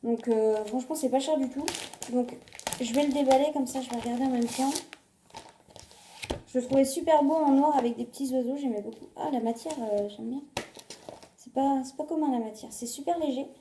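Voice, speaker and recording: A woman's voice: high voice, a little fast, dark tone, roomy sound, a little hiss or hum. A woman showing her shopping finds in a casual haul vlog, chatty and hesitant, with many fillers and restarts, filmed on a phone resting on a glass. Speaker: beauty and shopping vlogger. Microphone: phone on a glass on a table.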